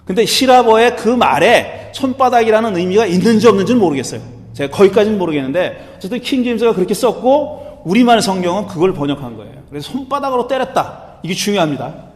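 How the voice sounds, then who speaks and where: A male pastor gives a sermon in a conversational, animated storytelling manner, acting out quotes. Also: high voice, long reverb tail. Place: church sanctuary.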